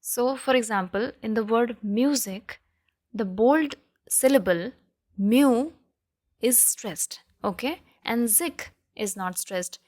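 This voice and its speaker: Woman, explanatory lesson, slightly high voice, dry close sound. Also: slow pace, darkish tone, dry recording. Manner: checks in with frequent "okay?" and "right?". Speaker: literature teacher.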